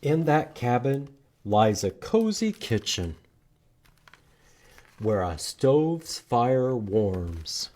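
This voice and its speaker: Speaking slowly in a medium-pitched voice, this library storytime reader brings a read-aloud to life with lively expression. He sings along the way and prompts the kids to take part.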